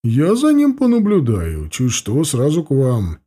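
A man voicing a strict, composed elderly grandmother with a loud, well-trained voice in an audiobook. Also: medium pitch, huge pitch swings, a little slow, husky, heavily acted. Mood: stern.

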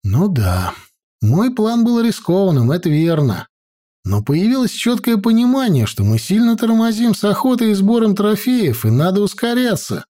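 A man narrating a first-person audiobook with lively storytelling intonation. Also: high-pitched, moderate pace.

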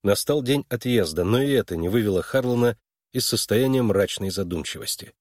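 Expressive male audiobook narrator. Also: fairly low pitch, fairly quick, no room sound, studio quality. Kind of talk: scripted narration.

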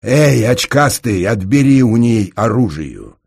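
Audiobook: male reader as a burly cop, hoarse and wheezing. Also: mid-range voice, very animated, takes it slowly, a little mellow, voice pushed up, full character voice. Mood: straining. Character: burly, gruff male policeman.

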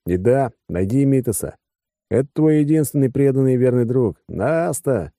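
A man's voice: mid-range voice, expressive, moderate pace, dark tone, no echo, studio quality, pitched above the performer's own voice. A man voicing a cocky man leaving a recorded farewell message in an audiobook, joking and conspiratorial.

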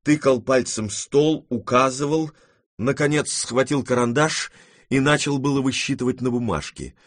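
A man narrating classic prose as an audiobook in a measured, even storytelling manner. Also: medium pitch, no room sound, clean studio sound.

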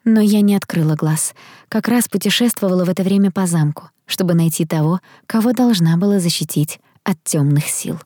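Mellow-voiced woman narrating an audiobook. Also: lowish voice, fairly quick, no echo, studio quality. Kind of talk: first-person audiobook narration.

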